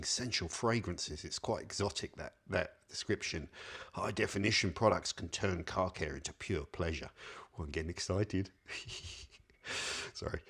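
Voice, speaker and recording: Wry, chatty man reviewing products. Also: lowish voice. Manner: chatty and wry, reads labels aloud with dry asides. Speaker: car detailing reviewer.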